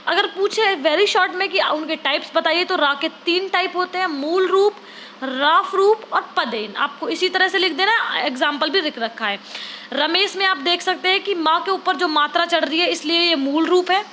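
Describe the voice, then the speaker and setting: A woman's voice: extremely high pitch, moderate pace, sharp tone, a little hiss or hum. A woman teacher giving an online exam-prep lesson, explaining step by step and asking students to try each sound aloud.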